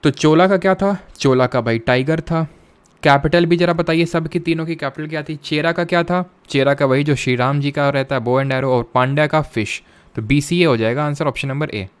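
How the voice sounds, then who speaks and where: A man's voice: fairly high pitch, moderate pace, smooth. A young man with an Indian accent teaching an exam-prep history class. He puts questions to his students, answers them himself, and drops English terms into his speech. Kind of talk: classroom lecture with quiz questions.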